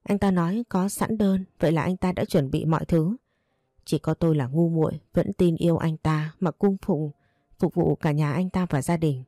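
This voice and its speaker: A woman narrating a sad first-person story in a steady, sorrowful way. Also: sits low, moderate pace, no room sound, clean studio sound.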